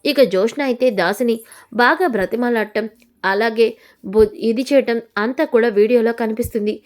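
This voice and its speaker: Woman narrating a serial recap, slightly high. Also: normal speed. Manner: dramatic, shifting into the characters' lines. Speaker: narrator retelling a TV serial episode. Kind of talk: storytelling recap with voiced quotes.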